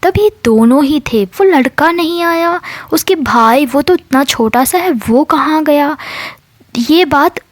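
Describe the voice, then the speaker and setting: A woman narrates a serialized romance story in a loose, rambling, conversational way, slipping in English words. Her voice sits fairly high. The recording is dry, with no room sound. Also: lively intonation, slow pace, dry recording. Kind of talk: casual spoken storytelling.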